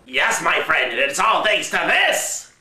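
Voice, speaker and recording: Comedy villain, man performing: gloating undead doctor, exclamatory, sharp and forceful, recorded distant in a reverberant room. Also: fairly high pitch, very animated, measured pace, exaggerated voice. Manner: theatrical, exclamatory. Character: gloating undead comic supervillain doctor, short-tempered. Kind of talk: scripted comedy sketch. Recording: echoey room, distant microphone.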